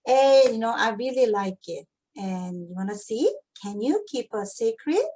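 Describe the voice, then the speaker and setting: Female English teacher, lively picture-book reader, unhurried delivery. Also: a little high. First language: Korean. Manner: lively, asks children questions. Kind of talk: demonstrating a picture-book read-aloud.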